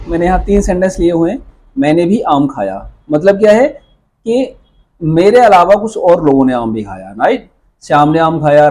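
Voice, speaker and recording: A man's voice: a little high, darkish tone, slightly rough. A man teaching an English grammar lesson, speaking mostly Hindi with an Indian accent and explaining step by step, asking the class questions and checking in with "right?".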